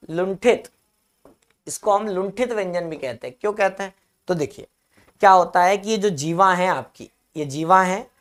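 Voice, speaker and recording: A high-pitched male Hindi teacher leads a live online grammar class. He poses his own questions and answers them, repeating key terms slowly so students can write them down.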